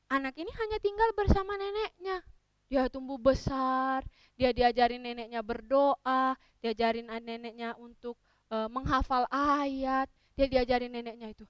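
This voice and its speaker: A woman telling a children's sermon story, animated and acting out the characters' cries. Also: high-pitched, no echo, clean studio sound. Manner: animated, acts out characters' voices, cries out in parts. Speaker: Sunday school teacher.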